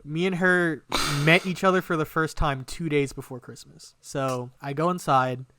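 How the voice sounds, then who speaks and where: A man's voice: fairly high pitch, normal speed, no echo. Young man telling a story, dry close sound. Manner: animated, swearing a lot, quotes himself in lively bursts. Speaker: podcast co-host. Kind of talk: casual storytelling.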